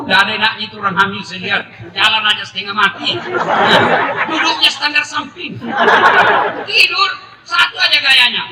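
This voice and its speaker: A middle-aged man preaching a humorous sermon to a live crowd, animated and breaking into shouts. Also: very high voice. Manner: jokey, animated, bursts into shouting. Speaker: Islamic preacher. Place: public gathering with live audience. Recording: echoey and distant with crowd noise. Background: audience laughter and ambient noise.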